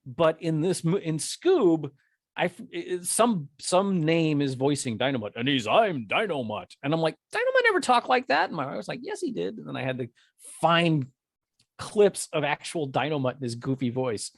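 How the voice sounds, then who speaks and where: A man's voice: fairly high pitch, moderate pace, dry recording. A man co-hosting a casual chat about movies, rambling with many restarts. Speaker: podcast co-host.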